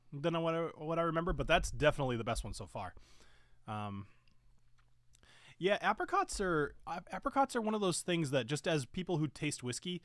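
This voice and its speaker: A man's voice: fairly high pitch, no room sound. Guy rambling through a live tasting stream, lots of ums, voice jumps around, dry close sound. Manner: rambling, animated, with many fillers and self-corrections; talks while chewing and sipping. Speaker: whiskey reviewer hosting a live stream.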